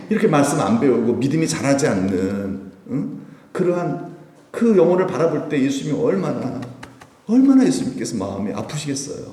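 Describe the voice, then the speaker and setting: A male pastor gives a Friday night sermon in a lively, up-and-down voice, chatting with his flock through rhetorical questions and the odd chuckle. His voice reaches the mic from a distance, and a long church reverb hangs behind every phrase. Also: medium pitch. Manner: conversational preaching with rhetorical questions and light laughter. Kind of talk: sermon at a Friday prayer meeting. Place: church sanctuary. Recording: roomy hall, voice from a distant mic.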